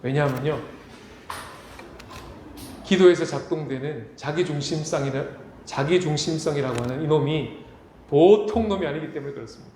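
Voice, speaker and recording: Preaching from a church sanctuary, this pastor acts out quoted voices with big pitch swings in a dramatic sermon. His tone is darkish, his speed normal, and he leaves long pauses. The sound is echoey with faint ambience and slight background noise.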